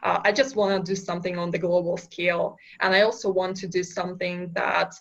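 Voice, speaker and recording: A young woman from Kazakhstan, a startup founder, answers questions as a podcast guest, hesitating often with many fillers and restarts. Her voice is lowish, gravelly and flat, moving fairly quickly. The audio sounds dull.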